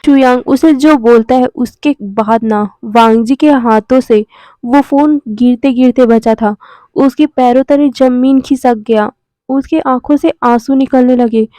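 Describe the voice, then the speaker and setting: A woman's voice: fairly high pitch, a little slow, mellow, no echo. A woman narrating a fan fiction story in an emotive, dramatic way.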